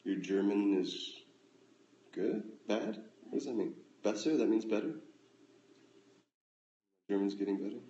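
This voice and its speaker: An American man hosting a casual phone livestream at home, reading out comments with relaxed, dry, offhand replies. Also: fairly low pitch, measured pace, long pauses, lo-fi sound. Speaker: livestream host. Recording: echoey room, faint ambience.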